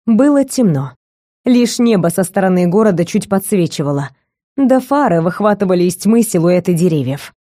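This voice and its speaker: A woman narrating a first-person novel as an audiobook, telling it in an expressive, intimate way. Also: mid-range voice, no echo, clean studio sound.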